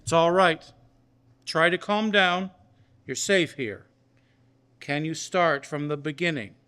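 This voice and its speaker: An actor playing a calm counselor soothing a frightened teen in a radio drama. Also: mid-range voice, slow pace, clear, resonant tone.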